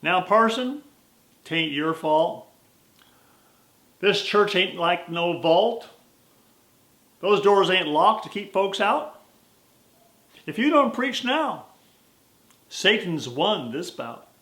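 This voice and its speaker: A man playing a plainspoken, unflappable old cowboy from a story poem, with a drawn-out Western American drawl. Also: sits high, lively intonation, a bit bright, roomy sound, voice pushed up, heavily acted. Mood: earnest, encouraging.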